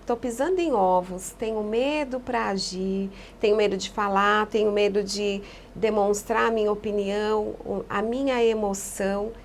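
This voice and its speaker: A woman psychologist giving calm, explanatory answers in a podcast interview, often echoing key phrases. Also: a little high, a little hiss or hum.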